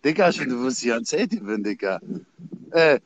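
A man with a Berlin accent hosting a livestream, rambling in slang with shout-outs. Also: mid-range voice, sing-song, brisk, slight background noise. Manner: slangy, rambling, calls everyone Dicker. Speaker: livestream host.

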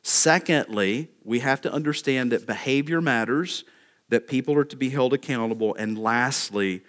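A man's voice: medium pitch, normal speed, fairly bright tone. A male pastor preaching a sermon, laying out numbered points with emphasis and checking in with the congregation by asking "okay?".

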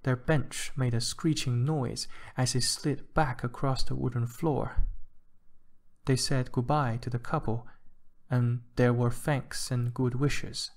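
Slow, measured male story reader. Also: mid-range voice, fairly even intonation. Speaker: narrator. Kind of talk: reading a short story aloud.

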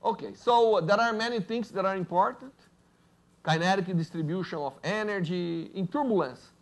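A man with a Brazilian Portuguese accent, a native Portuguese speaker, giving a lively university physics lecture and joking with the audience. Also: high voice, normal speed. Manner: lively, jokes with audience, asks "right?".

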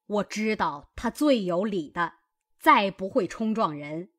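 A man's voice: sits high, animated, a little slow, fairly bright tone, voice pushed up. A man voicing a stern, commanding old grandmother who scolds her grandson. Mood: teasing.

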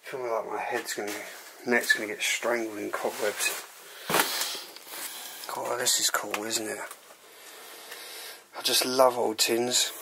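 A young urban explorer vlogger walks through a cluttered abandoned house, chatting to viewers and calling them "guys." His medium-pitched voice is gravelly and level, slow, with frequent pauses. The audio comes from a handheld or body camera and is noisy.

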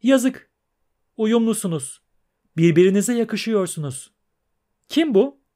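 Man putting on a teasing young mermaid, high and chirpy, audiobook figure. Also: expressive, slow, mellow. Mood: delighted, chatty. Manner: high, sing-song and chirping.

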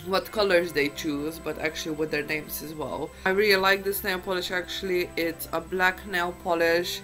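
A woman's voice: lowish voice, fairly even intonation, normal speed, fairly bright tone, faint music behind, rough recording. A woman chatting casually to camera as a beauty vlogger, in a groggy just-woken-up morning voice and a chatty, self-deprecating way.

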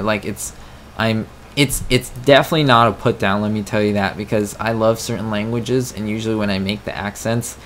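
Slight background noise sits behind a gameplay commentator whose voice is fairly low in pitch. While he plays a farming game, he keeps up a casual, self-deprecating let's-play chat with his viewers.

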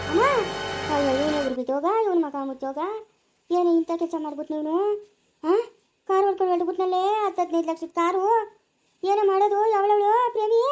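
A woman playing a distraught village mother who scolds loudly and wails. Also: very high voice. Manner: loud, wailing, scolding.

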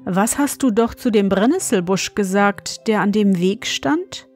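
A woman's voice: mid-range voice, unhurried, a little mellow, faint music behind, close to an everyday voice. A woman voicing an earnest young king's son in a fairy tale, asking probing questions.

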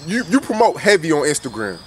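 A man's voice: a little high, sing-song, fast talker, slight background noise. Off-camera man asking probing questions. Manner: probing, repeats words when starting questions. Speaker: interviewer. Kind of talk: casual interview questions. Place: outdoors off camera.

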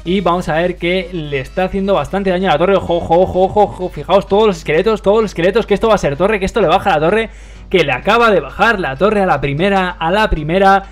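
A young man from Madrid with a Spain Spanish accent hosts a livestream, casting a mobile game match in excitable play-by-play packed with fillers. His voice is high and he talks fast, over soft background music.

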